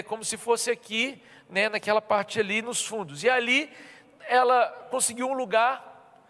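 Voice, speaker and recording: A man's voice: very high voice, fairly bright tone. A man with a Brazilian Portuguese accent from Minas Gerais, preaching a sermon and telling a personal story, acting out the people in it. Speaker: pastor. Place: church. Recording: reverberant church hall.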